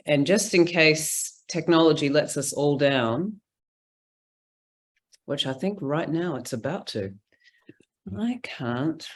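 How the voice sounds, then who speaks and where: A conference speaker talks through a presentation over a video call. The delivery is informal and conversational, full of ums and small restarts, at an ordinary middle pitch. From New Zealand. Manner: chatty, informal, frequent ums. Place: indoor room, remote.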